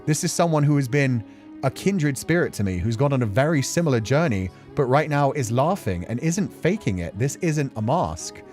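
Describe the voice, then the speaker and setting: His medium-pitched voice has a sing-song lilt, a moderate pace, and a slightly mellow quality. He's a streamer hosting a game playthrough, giving casual, reflective, earnest, and emotional commentary that rambles along with music in the background.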